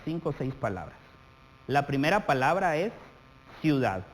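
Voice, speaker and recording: A man from Guatemala teaches a televised lesson in a fairly high voice with a very lively, rising and falling pitch. He talks directly to the viewer and draws out the example words slowly as he dictates them. The studio has a long reverb, with a faint hum underneath.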